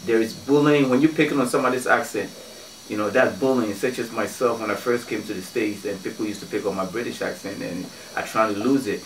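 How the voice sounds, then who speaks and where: A man from Ghana, a guest on a radio show, telling stories in a relaxed way with many fillers and restarts. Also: lowish voice, fairly quick, echoey room, far from the mic, slight background noise, poor audio. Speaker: guest, community organizer. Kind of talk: casual radio interview. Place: radio studio.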